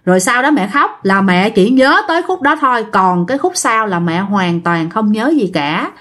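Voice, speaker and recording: A woman's voice: mid-range voice, lively intonation, moderate pace, fairly bright tone. A woman casually telling a ghost story, chatting directly to her listeners.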